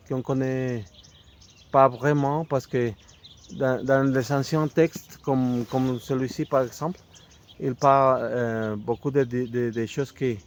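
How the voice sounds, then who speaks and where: Mexican man, Spanish native, Mexican Spanish accent; slow, halting talk to camera, mid-pitched voice, keeps searching for words. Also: darkish tone. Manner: halting, searching for French words with many restarts. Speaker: video host presenting a book. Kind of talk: unscripted casual talk to camera.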